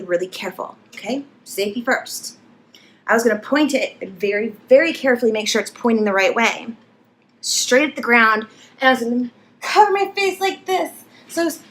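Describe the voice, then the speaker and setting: Young woman vlogger, casual storytelling to camera; bright, slightly high voice, animated, laughs often.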